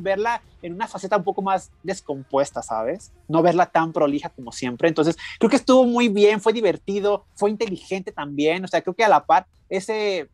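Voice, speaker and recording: A man co-hosting a casual show review, chatty and gossipy, quick to agree. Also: high voice, a little mellow, no room sound. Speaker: co-host reviewing a reality show. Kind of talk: casual chat.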